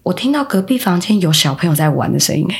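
Young woman, podcast host, lively storytelling, low-ish voice, swings in pitch. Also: fast talker, vocal fry. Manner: animated, dramatic, laughing retelling. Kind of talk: casual storytelling.

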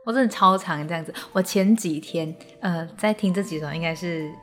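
A young woman with a Taiwanese Mandarin accent co-hosting a podcast in casual chat, self-mocking and quick to laugh. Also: on the low side, soft background music. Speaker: podcast co-host.

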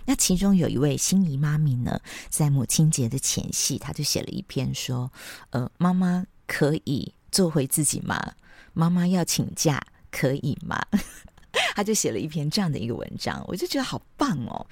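A woman hosting a parenting podcast, chatty and sprinkled with soft laughs. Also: sits low, lively intonation, moderate pace, creaky, no room sound. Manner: chatty, with frequent soft laughs and tag particles. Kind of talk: casual podcast monologue.

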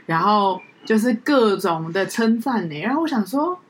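A woman co-hosting a podcast with an androgynous mid-low voice, telling stories in lively casual chat and laughing often. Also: moderate pace, a little hiss or hum. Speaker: podcast co-host.

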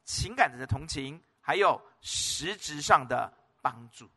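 A man's voice: fairly high pitch, expressive, takes it slowly, pushed and bright, husky. A man preaching a sermon as pastor, emphatic, repeating words and asking the listeners rhetorical questions.

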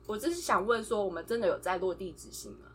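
A woman, co-hosting a podcast and telling office stories in an animated way, acting out the dialogue. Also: mid-range voice, fast talker, husky. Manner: animated, acts out quoted dialogue, laughs often. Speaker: podcast co-host. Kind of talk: casual chat, storytelling.

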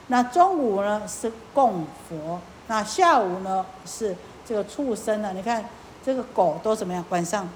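A Buddhist nun preaches to her listeners in a chatty, unhurried way, filling pauses and posing rhetorical questions. Her voice sits in the middle range for a woman. A faint noise runs underneath. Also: medium pitch, poor audio. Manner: colloquial, many drawn-out fillers, rhetorical questions. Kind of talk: Buddhist sermon.

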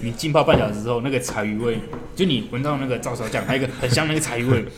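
A man's voice: medium pitch, very fast, noisy background. A man with a Taiwanese accent explaining something step by step in casual chat, blunt and slangy, often repeating himself. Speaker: podcast speaker explaining a recipe. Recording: music playing behind the talk. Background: music.

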